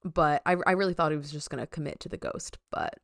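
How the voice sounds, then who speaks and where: A woman's voice: low voice, sing-song, quick pace, creaky, a bit bright, no echo, clean studio sound. A young woman co-hosting a podcast, chatting casually and rambling with lots of fillers and giggles. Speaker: podcast co-host. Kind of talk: casual chat.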